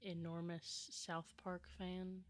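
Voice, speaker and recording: A woman's voice: fairly low pitch, monotone, slow pace, a little hiss or hum. A young woman co-hosting a casual podcast chat, talking hesitantly with many restarts. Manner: hesitant, restarts often, laughs along. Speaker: podcast co-host.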